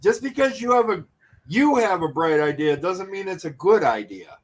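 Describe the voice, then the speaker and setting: Guy with a slightly high voice cracking jokes and swearing, loose podcast banter. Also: lively intonation, normal speed, rough recording. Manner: profane, joking and teasing. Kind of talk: casual banter.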